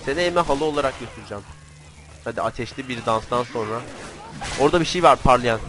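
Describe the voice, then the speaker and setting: A young man giving casual, joking commentary while playing a video game, with frequent swearing and sudden excited outbursts. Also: mid-range voice, quick pace, background noise. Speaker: gamer.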